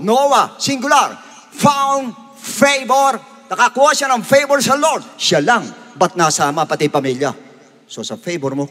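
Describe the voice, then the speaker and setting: High, bright-voiced pastor preaching. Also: male voice, husky, in a large hall. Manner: emphatic preaching, swings from quiet asides to shouted exhortations. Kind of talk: sermon. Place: large church sanctuary.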